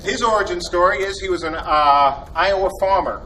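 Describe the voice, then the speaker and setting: The panel host at a convention introduces his team with rambling jokes, lots of filler words, and plenty of enthusiasm. Steady hall noise fills the background, and his slightly high voice arrives from a distance off the mic at normal speed.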